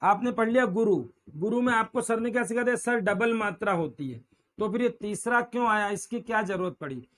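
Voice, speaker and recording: Man, high voice, classroom lecture, drills pronunciation with repeated questions. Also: fairly quick, a bit bright. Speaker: Hindi grammar teacher.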